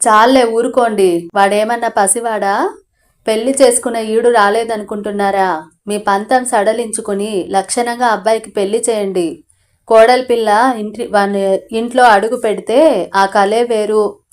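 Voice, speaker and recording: A woman voicing a gentle, worried middle-aged mother who soothes her son and pleads with her husband, in a storybook audio novel. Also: mid-range voice, fairly even intonation, measured pace, lightly acted. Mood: pleading.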